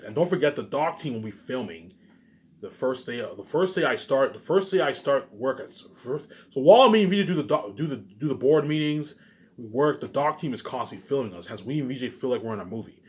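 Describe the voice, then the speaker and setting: Animated and fairly quick, this man's mid-range, somewhat dark voice carries a little hiss or hum. He rambles informally about his personal plans, restarting phrases, repeating himself and tacking on emphatic tag words.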